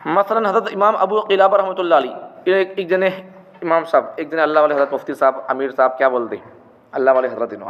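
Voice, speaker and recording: A man giving a religious teaching talk, repeating his points and asking rhetorical questions. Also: on the high side. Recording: dull, echoey hall with faint noise.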